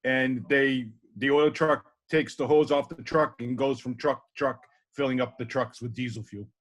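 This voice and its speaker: A man's voice: medium pitch, fairly even intonation, moderate pace. A man, a fire chief, explaining plainly at a board meeting over a call whose audio cuts in and out with uneven volume. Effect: audio cutting in and out, uneven volume.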